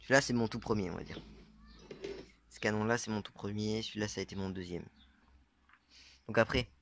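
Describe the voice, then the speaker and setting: A man's voice: on the low side, fairly quick, gravelly, a bit bright, a little hiss or hum. A young man casually showing his metal-detecting finds, talking hesitantly with many fillers and unsure asides. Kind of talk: casual show-and-tell vlog.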